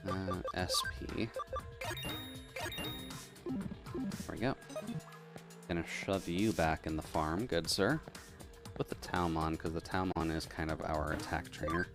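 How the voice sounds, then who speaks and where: A man's voice: deep voice, steady tone, slow, long pauses, music in the background. A man with a metallic, tin-can robot filter on his voice, chatting casually with viewers and muttering to himself as he plays a game live. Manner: chatty, mutters while playing, reads chat aloud.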